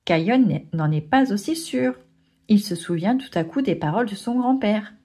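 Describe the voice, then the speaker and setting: Husky woman reading a children's story. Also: mid-range voice, normal speed. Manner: expressive children's narration. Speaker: narrator.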